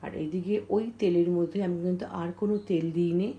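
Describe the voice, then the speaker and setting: A woman quietly walking viewers through a recipe in her home kitchen at dawn, keeping her voice low so the family can sleep. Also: steady tone, lo-fi sound. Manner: speaking softly and slowly so as not to wake the household. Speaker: cooking vlogger. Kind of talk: casual cooking vlog. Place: home kitchen, early morning. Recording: clear cooking noise under voice. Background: frying and sizzling from the pan.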